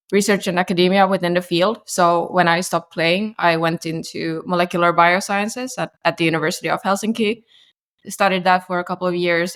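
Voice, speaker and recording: A young woman speaks as a podcast guest in a low voice that stays fairly flat in pitch. She talks casually and haltingly, with frequent fillers and restarts. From Finland. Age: 20s. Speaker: guest, startup founder. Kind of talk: casual interview talk. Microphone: remote call.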